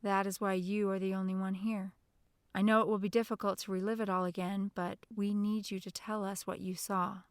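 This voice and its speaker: A woman reading the lines of a calm, serious male federal agent who asks probing questions in a measured, formal way. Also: medium pitch, no room sound, studio quality, natural voice. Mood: questioning.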